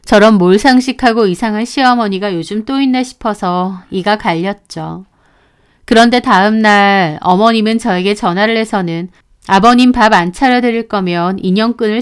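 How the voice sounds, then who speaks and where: A woman's voice: mid-range voice, normal speed, clear, resonant tone. A woman narrating her own story as a daughter-in-law, speaking in an indignant, aggrieved tone.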